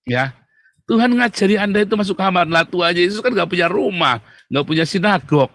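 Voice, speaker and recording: A man preaching a casual sermon, chatty and joking, swinging between loud emphasis and hushed, calm words. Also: high-pitched, brisk, dry recording.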